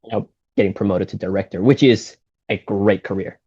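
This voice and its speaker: Speaking briskly in a voice on the low side with a breathy edge, a thirty-something man from Singapore with an American accent chats as an interview guest about running his golf shop. He's relaxed and rambles a bit, often using fillers and restarting sentences. The dry recording has its highs cut off.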